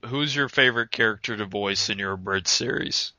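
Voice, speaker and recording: A man's voice: fairly low pitch, brisk, pushed and bright, no echo. A man interviewing the guests, reading out his questions. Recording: dull lo-fi voice chat audio.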